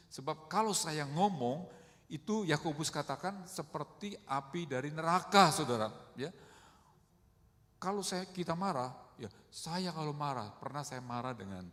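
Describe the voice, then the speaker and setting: A middle-aged man preaching a sermon in a conversational way, often calling the congregation "saudara" and acting out quoted speech with big swings in loudness. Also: fairly high pitch. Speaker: pastor. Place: church hall. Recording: long hall reverb.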